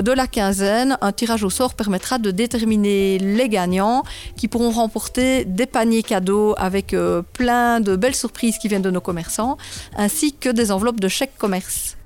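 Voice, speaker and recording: A woman's voice: medium pitch, moderate pace, darkish tone, clean tone. A woman, a guest in a radio interview, methodically walking through an event schedule. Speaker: guest, local events organizer.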